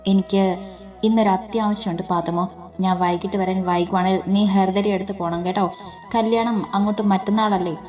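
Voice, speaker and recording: A woman reading a gentle young husband. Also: medium pitch, lightly acted. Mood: coaxing.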